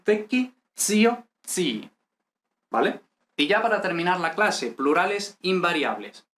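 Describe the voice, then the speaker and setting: A man with a somewhat high-pitched voice walks through a grammar lesson. He explains patiently and methodically, pausing often to check that his viewers follow. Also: sharp tone. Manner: patient, repeats "¿vale?" to check understanding. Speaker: language teacher. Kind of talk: explaining grammar in a video class.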